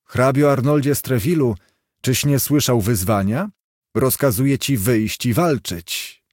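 A man voicing a stern, dignified king who speaks gravely and with command in a storybook reading. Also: medium pitch, lively intonation, unhurried, a little mellow, no echo, clean studio sound.

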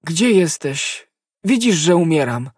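A man's voice: a little high, sing-song, slow pace, darkish tone, husky, no echo, clean studio sound, pitched above the performer's own voice, exaggerated voice. A man voicing a loving, frightened young woman who is dying of poison, with a breathless, pleading delivery.

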